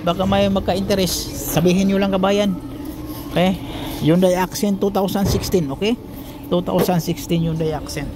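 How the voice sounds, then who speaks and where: A man from the Philippines talks in a high, light voice as he works in an auto body shop. He chats casually and keeps turning to address his viewers as countrymen while he walks through each repair step. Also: steady tone, moderate pace, noisy background.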